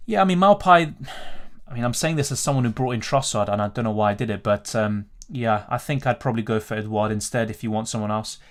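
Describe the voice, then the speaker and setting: A man from Argentina runs a fantasy football stream, picking up viewer questions and responding on the fly in a casual, conversational style. His voice is mid-range and he talks fast.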